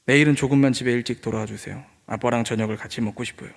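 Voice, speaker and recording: A man's voice: medium pitch, fairly even intonation, very fast, creaky, voice pushed down, natural voice. A man doing a timid little boy. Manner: hesitant, pleading. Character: timid little boy asking his father.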